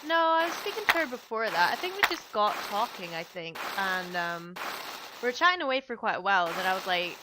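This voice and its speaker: A woman's voice: medium pitch, very animated, a little fast, very noisy. A woman hosting a podcast, chatting in a bubbly, giggly way while she plays a video game. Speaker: podcast host. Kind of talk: casual chat while playing a video game.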